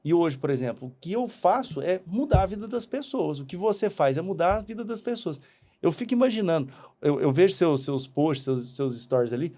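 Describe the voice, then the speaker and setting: A man from Brazil hosting a casual podcast chat, talking in animated quick bursts and often repeating words. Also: fairly high pitch. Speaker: podcast host.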